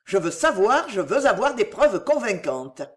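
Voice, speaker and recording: An agitated young gentleman, jealous and tense, gives clipped orders with a lively rise and fall, as a woman reader voices him. He sounds wounded but holds himself in check, like a character in a read-aloud novel. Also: mid-range voice, a little slow.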